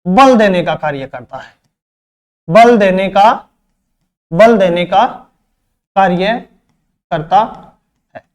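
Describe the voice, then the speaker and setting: A man's voice: high-pitched, expressive, slow pace, pauses often. A man teaches grammar for an exam. He repeats each phrase, poses questions and answers them himself, and calls his students "beta". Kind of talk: exam-prep grammar lesson.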